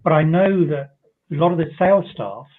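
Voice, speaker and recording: A man's voice: a little high, expressive, moderate pace. A chatty man telling anecdotes on a live-stream panel over a video call. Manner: chatty storyteller who acts out voices in quotes. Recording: tinny phone-like audio.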